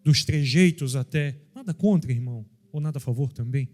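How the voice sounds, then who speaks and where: A man's voice: mid-range voice, brisk, darkish tone, faint music behind. A middle-aged man preaching a sermon, emphatic and addressing his listeners directly. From southern Brazil.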